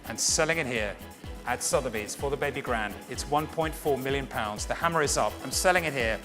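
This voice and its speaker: A fine art auctioneer works a saleroom, calling and repeating bids to the room with formal courtesy during a live auction. His mid-range voice moves a little fast, and music plays beneath it.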